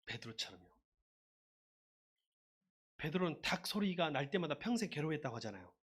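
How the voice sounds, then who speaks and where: A man preaching a sermon as a pastor, lively and conversational, leading his congregation in call-and-response shouts. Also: fairly high pitch, brisk, breathy edge.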